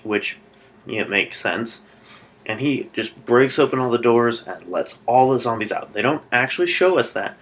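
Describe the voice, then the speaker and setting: A man from Alaska talking through a TV episode in a casual review vlog, rambling and excitable with lots of fillers and restarts. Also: mid-range voice.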